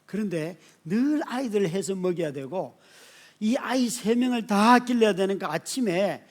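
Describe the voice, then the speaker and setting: A high-voiced man in his fifties preaches a sermon, telling stories about family life. He swings between soft, hushed asides and loud bursts, and keeps drawing the congregation in with questions. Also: animated, a little slow. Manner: storytelling, swings from quiet asides to sudden shouts; speaks to the congregation directly, often asking "right?". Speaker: pastor.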